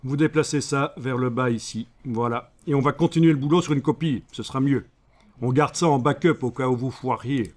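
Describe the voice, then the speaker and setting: A man with a Belgian French accent teaching a live software class, breaking up the steps with joking asides to his students. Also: mid-range voice, a little fast.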